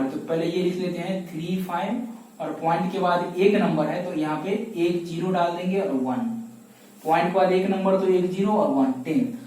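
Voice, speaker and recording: A man with a high, mellow voice teaches a math lesson step by step, asking questions and answering them himself and repeating key steps. He was recorded from a distance in an echoey room.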